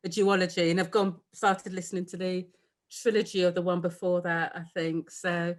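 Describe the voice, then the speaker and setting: A woman's voice: fairly low pitch, level tone, moderate pace. Chatty woman with a London accent. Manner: chatty, laughs often, trails off mid-sentence. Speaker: author guest. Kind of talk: casual interview chat.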